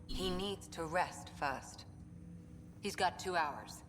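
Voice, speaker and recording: A woman voicing a caring female medic in a video game, speaking gently and matter-of-factly. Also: lowish voice, expressive, slow, music in the background. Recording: game audio, reverberant, ambient noise.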